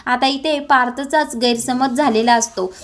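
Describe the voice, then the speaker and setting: A woman retelling a TV serial's plot in a steady storytelling way. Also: sits high, unhurried. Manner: steady storytelling with many "now" links. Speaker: serial episode recap narrator.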